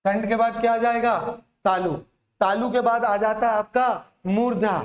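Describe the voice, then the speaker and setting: A man's voice: high-pitched, steady tone, moderate pace, roomy sound. A male Hindi teacher giving an exam-prep lecture, drilling students by asking questions and answering them himself.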